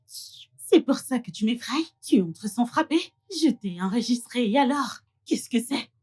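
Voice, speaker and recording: A woman's voice: on the high side, animated, unhurried, darkish tone, breathy edge. A woman dubbing a spiteful young woman who taunts her rival in a French film dub. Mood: scornful. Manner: taunting, sneering.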